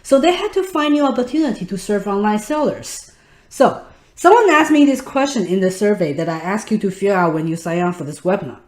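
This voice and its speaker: A woman's voice: medium pitch, expressive, brisk, darkish tone, roomy sound. A woman in her thirties from Taiwan, a native Mandarin speaker with a Taiwanese Mandarin accent, hosting an online webinar and speaking straight to her audience. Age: 30s. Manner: instructive, addresses the audience directly. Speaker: webinar host.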